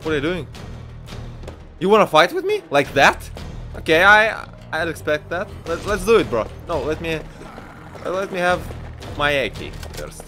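A man giving excitable let's-play commentary, yelping and repeating words in mock panic. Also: on the high side, moderate pace, long pauses, faint music behind. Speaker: gaming channel host.

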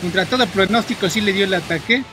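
A man from Mexico with a Mexican accent, chatting to viewers while he plays, rambling, filling every pause with "este" and swearing at the game in bursts. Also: high voice, background noise. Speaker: gaming streamer. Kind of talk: casual gameplay commentary to viewers. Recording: loud game music under the voice. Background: game music.

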